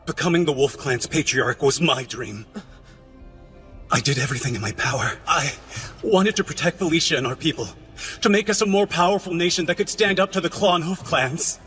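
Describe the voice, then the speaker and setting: A man's voice: fairly high pitch, brisk, fairly bright tone, soft background music, natural voice. An actor in an anime dub playing a proud, bitter young clansman who is intense and accusing. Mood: bitter, anguished.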